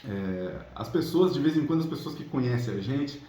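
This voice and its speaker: Hosting his channel, a relationship coach from São Paulo state in Brazil chats colloquially with viewers, giving relaxed motivational coaching and dropping in small tag questions. He speaks at a normal speed in a warm, expressive, medium-pitched voice, with roomy echo and clear background noise on the recording.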